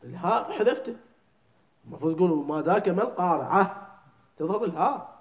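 Man teaching, high voice, echoey room. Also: animated. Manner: keeps checking understanding with short questions; drills pronunciation by repeating words slowly. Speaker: religious teacher. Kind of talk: classroom lesson on prayer recitation.

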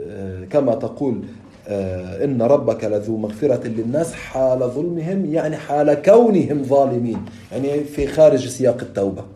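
Man lecturing in a dark, echoey voice. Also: mid-range voice. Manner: repeats points and pauses on drawn-out fillers. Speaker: teacher of theology. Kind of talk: explanatory lecture on a classical text.

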